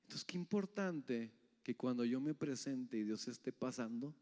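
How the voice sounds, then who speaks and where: Preacher man, ringing hall. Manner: keeps asking the audience "yes or no?"; swings between loud rising calls and soft low asides. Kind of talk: sermon. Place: church hall. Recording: long hall reverb.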